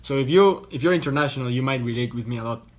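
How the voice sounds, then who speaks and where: A young man from Costa Rica, an online business vlogger, talks casually to the camera from a hotel room. His mid-range voice moves fast as he explains things in a chatty way, often restarting his words.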